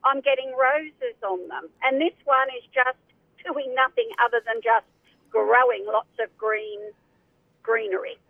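Australian female caller, thin telephone line, high voice, casual chat. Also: animated, measured pace, gravelly. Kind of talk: casual phone conversation.

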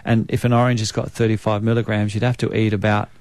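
A man with a New Zealand accent speaking as a naturopath guest, explaining in a measured way with frequent ums. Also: lowish voice, level tone, a little mellow, dry recording. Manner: measured, explanatory, many um fillers. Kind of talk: conversational expert interview.

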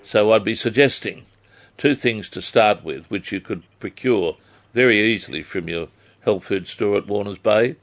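An Australian man giving health advice on a live phone-in, measured and formally worded. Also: lowish voice. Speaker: health advice expert on radio.

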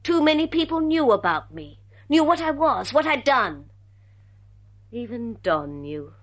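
A fallen daughter in a radio drama, weary and ashamed yet defiant. Her voice is fairly high and moves widely in pitch. She speaks deliberately, with open emotion. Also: big pitch swings, a bit bright. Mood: bitter, resigned.

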